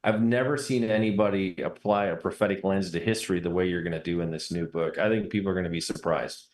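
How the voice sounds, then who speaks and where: A man's voice: sits low, fast talker, darkish tone. A man chatting casually as a publisher, explaining things in a reflective way. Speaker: guest, book publisher. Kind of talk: casual conversation. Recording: roomy, echoing sound.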